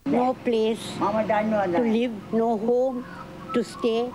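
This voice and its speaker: A woman speaking as a live interpreter, giving an elderly woman's answer in the first person in a halting, slow way. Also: a little high, steady tone, background noise.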